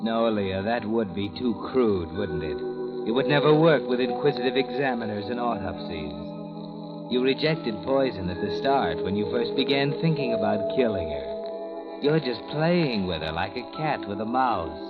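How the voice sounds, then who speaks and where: A man's voice: medium pitch, animated, normal speed, natural voice. An actor playing the Whistler, a knowing male narrator who speaks to the killer, in 1940s radio acting. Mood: accusing. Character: the Whistler, a male narrator who knows every guilty secret. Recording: lo-fi old radio recording with loud music.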